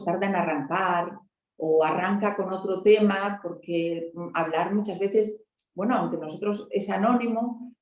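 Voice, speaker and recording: A woman's voice: mid-range voice, darkish tone. Woman explaining with many tag questions, echoey. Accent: Spanish from Asturias. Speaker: helpline volunteer speaker. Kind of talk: conversational talk.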